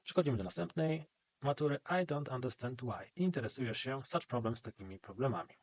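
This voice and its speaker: A man's voice: medium pitch, animated, brisk. A man teaching an English exam-prep grammar lesson and speaking English with a Polish accent, who explains step by step and keeps checking in with a questioning "right?".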